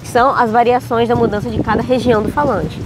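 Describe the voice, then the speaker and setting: A woman with a Northeastern Brazilian accent briskly reads out prepared interview questions. Her voice is a bit high and quick. Loud boat and outdoor noise fill the background. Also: fairly even intonation. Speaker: student interviewer.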